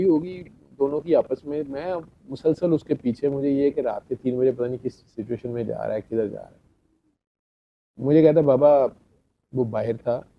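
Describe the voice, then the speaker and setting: A man's voice: mid-range voice, husky. A middle-aged man tells a chatty anecdote to a gathering, acting out the dialogue and laughing between lines. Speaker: speaker addressing a gathering. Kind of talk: storytelling talk. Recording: dull lo-fi sound.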